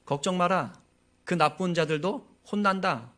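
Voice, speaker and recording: A man's voice: sits high, a little slow, a bit bright, pitched above the performer's own voice. A male pastor voicing God as a blunt, fatherly figure who talks casually to a prophet. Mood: reassuring.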